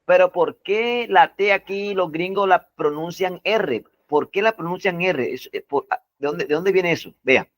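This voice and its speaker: Slow, deliberate teacher, a man. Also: high voice. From Colombia. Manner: slow, repetitive, stresses words one by one; keeps asking the class to confirm. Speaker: English teacher. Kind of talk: classroom lesson. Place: classroom with students.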